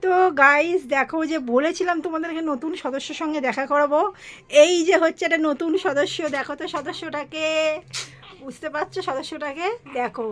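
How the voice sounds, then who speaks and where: A woman's voice: high-pitched, brisk. A woman, vlogging casually on a phone as she walks through neighborhood lanes into a home, chatty and always urging viewers to look. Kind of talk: casual walk-and-talk vlog. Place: residential lanes, then a home.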